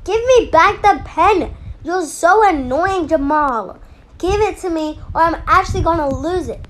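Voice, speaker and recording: A woman doing a shrill, angry schoolgirl. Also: steady tone, slow pace. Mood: furious. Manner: shouting and whiny, loud complaints. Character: angry schoolgirl who yells, fed up. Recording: noisy home recording.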